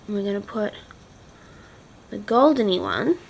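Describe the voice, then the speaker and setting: A woman's voice: mid-range voice, wildly swooping pitch, measured pace, gravelly, a little hiss or hum, low-quality recording. A woman vlogger chatting casually through a makeup tutorial, often dropping into half-whispers as she concentrates. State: teary-eyed.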